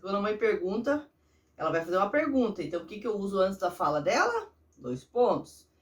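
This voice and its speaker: Brazilian woman teacher, patient and encouraging with kids, mid-pitched, a little distant from the mic. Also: big pitch swings, brisk. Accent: Brazilian Portuguese. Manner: patient, encouraging, explains step by step to children. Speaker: primary school teacher. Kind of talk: remote lesson walkthrough of a workbook.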